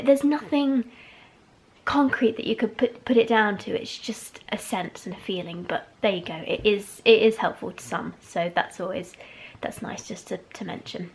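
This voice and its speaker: A woman's voice: medium pitch, low-quality recording. Chatty young woman vlogging. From England. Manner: chatty, rambling, self-correcting. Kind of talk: casual personal vlog. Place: home and garden.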